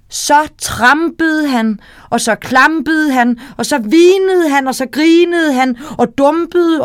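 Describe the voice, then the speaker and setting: A woman reads a children's tale aloud in a slightly high voice, lively and speaking to the listener. The sound is close and dry, with no room around it. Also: no room sound. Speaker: storyteller. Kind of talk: reading a children's story aloud.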